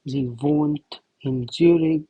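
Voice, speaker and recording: Non-native male tutor, slow deliberate delivery, dry recording. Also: fairly high pitch, fairly even intonation, warm tone, breathy edge, dry recording, poor audio. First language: not German. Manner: slow, thinking aloud while writing answers. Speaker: language tutor. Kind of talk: self-study lesson walkthrough.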